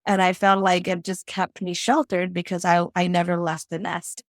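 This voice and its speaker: A woman from Fiji, a financial strategist, speaks flatly at a moderate pace in a low-side voice with no echo. As a guest in a casual interview she looks back on her story, regularly asking "right?" and saying "you know".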